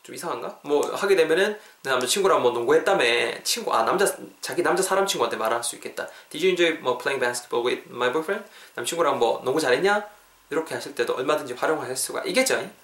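Man, English lesson podcast host, slightly high voice, lively drills, roomy echo. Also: fairly quick. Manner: lively, repeats drill phrases, playful skits.

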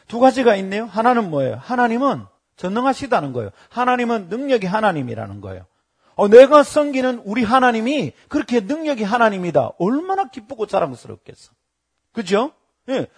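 Middle-aged male pastor, sermon delivery, slightly higher voice with lively, animated storytelling. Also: husky.

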